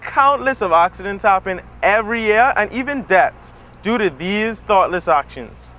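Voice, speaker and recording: Male PSA announcer, high sharp tone, slightly dull audio. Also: lively intonation, moderate pace. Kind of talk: public service announcement.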